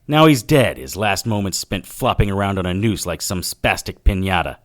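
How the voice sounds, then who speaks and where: In a noir radio drama, a male actor plays a wry, hardboiled 1940s private eye, narrating and exchanging sardonic lines. His low voice has lively intonation at a normal speed.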